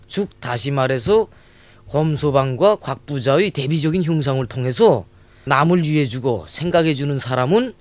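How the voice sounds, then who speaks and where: A man's voice: on the high side, no echo. A man with a North Korean accent giving a prepared interview explanation as a studio staff member.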